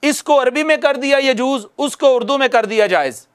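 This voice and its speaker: High-voiced male recitation teacher. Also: fairly quick, clear, resonant tone. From Pakistan. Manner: patient, repeats key phrases for emphasis. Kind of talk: video lesson to viewers.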